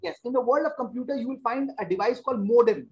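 A man teaching a class over a video call. He explains slowly and repeats phrases, filling gaps with hesitations while he works the computer. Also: very high-pitched, muffled recording. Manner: repetitive, thinks aloud with many hesitations.

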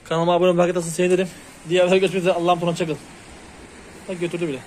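Man vlogger, high voice, calls and scolds cats in quick repeats, faint hiss behind. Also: monotone, a little mellow. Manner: coaxing and scolding animals, repeating words, calling pss. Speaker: hobby vlogger. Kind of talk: casual vlog while handling cats.

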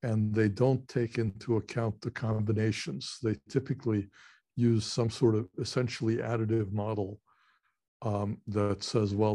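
Man with a lowish voice on a video call, hesitant, lots of ums. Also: mellow. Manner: measured, hesitant, with many fillers. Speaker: audience questioner. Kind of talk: seminar discussion question.

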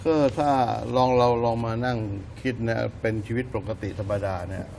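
Male news panelist, playful explainer, relaxed chat, faint noise. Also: mid-range voice, moderate pace, vocal fry. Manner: playful, explains with everyday comparisons. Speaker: news talk show panelist. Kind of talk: casual political news chat.

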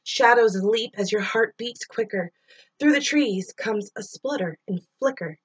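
In a husky, mid-range voice at a measured pace, a middle-aged woman reads a rhyming children's story aloud. She's expressive, stretching out words and sound effects the way a teacher would for pupils.

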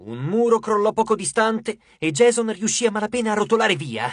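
High-voiced male audiobook narrator. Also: lively intonation, a little fast, no echo, clean studio sound.

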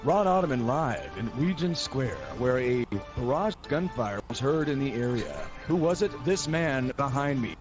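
Game role-play: brash male news reporter acted by a man, dramatic newscaster delivery, very animated, music behind. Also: mid-range voice, moderate pace, few pauses, muffled recording, natural voice. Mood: grave, sensational.

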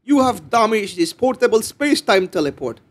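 A man's voice: high-pitched, big pitch swings, brisk, faint music behind, pitched above the performer's own voice. A man voicing a short, round male alien agent who explains things in a raised, emphatic way. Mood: explaining.

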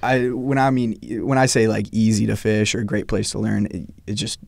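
A man's voice: fairly low pitch, steady tone, brisk, gravelly, darkish tone. A young man, a club officer, chatting enthusiastically in a podcast, rambling a little and saying "yeah, man" often, on a close studio mic. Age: young adult. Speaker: club officer, fundraising chair. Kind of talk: casual chat. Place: small indoor studio. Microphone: large studio mic on boom, headphones.

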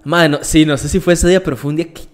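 A man's voice: a little high, steady tone, very fast. Blunt, slangy Costa Rican man. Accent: Costa Rican Spanish. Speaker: podcast guest, fitness influencer. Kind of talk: casual podcast conversation.

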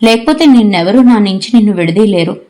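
A woman reading out a gentle, patient young husband in an audio story, in a soft, reassuring manner. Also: medium pitch, animated, fast talker, close to an everyday voice.

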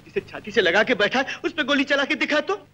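A man's voice: extremely high pitch, expressive, a little fast, pushed and bright, slight background noise, heavily acted, rough recording. An actor playing a simple, kind-hearted young man in a 1960s film, talking earnestly and emotionally. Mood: indignant.

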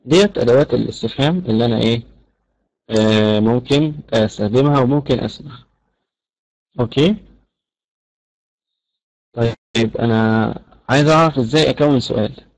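A man's voice: medium pitch, brisk, long pauses, darkish tone, no echo, rough recording. Egyptian man teaching English, dry close sound. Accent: Egyptian Arabic. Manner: repeats example questions aloud in English. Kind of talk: online lecture.

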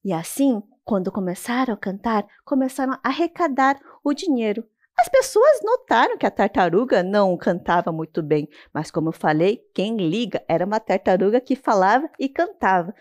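Animated Brazilian woman telling a children's story. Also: medium pitch. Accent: Brazilian Portuguese. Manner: animated, dramatic pauses and sudden whispers.

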